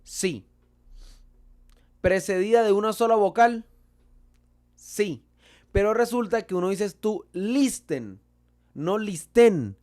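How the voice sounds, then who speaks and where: Colombian guy teaching a class, slow and careful, slightly high voice, quizzes himself as he goes. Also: a little mellow, clear, resonant tone. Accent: Colombian Spanish. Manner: slow and deliberate, asks and answers his own questions. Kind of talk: explaining a lesson.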